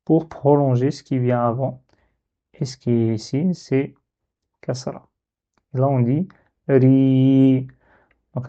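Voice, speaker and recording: Slow patient man, dark muffled voice. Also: mid-range voice. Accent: French. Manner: slow, patient, drawn-out sounding of syllables. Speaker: teacher. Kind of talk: step-by-step reading lesson.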